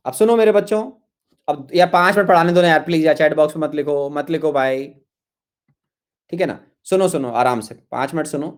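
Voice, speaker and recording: A man's voice: on the high side, a little fast. A man teaching chemistry in an online class, coaxing his students, repeating himself and calling them his children.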